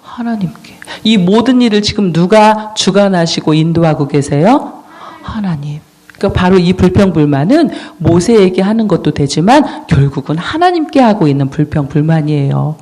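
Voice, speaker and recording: Children's preacher, storytelling, questions to kids, lively melody. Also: mid-range voice, normal speed. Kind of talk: children's sermon.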